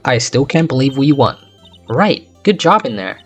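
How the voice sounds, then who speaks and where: A man's voice: medium pitch, sing-song, normal speed, breathy edge, soft background music. A man voicing an earnest young male defense lawyer in a courtroom game, polite and upbeat.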